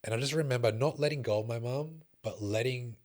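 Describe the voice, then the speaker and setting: A man's voice: medium pitch, a little fast, darkish tone. A young adult man and fitness coach telling emotional personal stories in a casual conversation, swearing often. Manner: emotional storytelling with frequent swearing.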